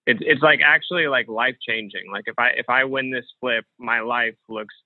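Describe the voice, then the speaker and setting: A man's voice: medium pitch, moderate pace, dry recording. A man, a guest on an interview, talking casually and thinking aloud with many fillers and restarts over a remote call. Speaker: guest, professional poker player. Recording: dry, phone-like remote call audio.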